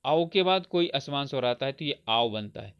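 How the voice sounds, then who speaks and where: A male teacher talks through a grammar lesson for exam candidates in a smooth, clear voice of middle pitch. He poses a question, then drops lower and softer to answer it himself. The recording sounds slightly dull and lo-fi. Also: animated, normal speed. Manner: explains step by step, keeps asking questions and answering them himself.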